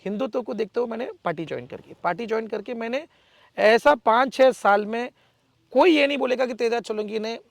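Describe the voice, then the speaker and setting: A man answers interview questions in a forceful, defiant manner, pressing his points with emphatic rhetorical questions. His voice sits high and carries a gravelly rasp. The recording is dry, with no room echo. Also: fairly quick. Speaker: local political figure, interviewee.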